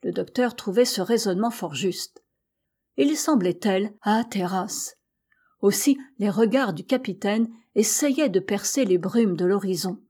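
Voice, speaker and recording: Husky woman reading an old adventure novel, mellow dark tone, steady and expressive. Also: medium pitch. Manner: measured and expressive, with dramatic rises for shouts. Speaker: audiobook reader. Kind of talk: literary audiobook narration.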